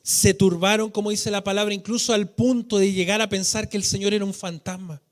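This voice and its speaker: Man, Chilean accent, very high voice, fervent preaching, drawn-out sung phrasing, church sermon. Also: fairly even intonation. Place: church hall.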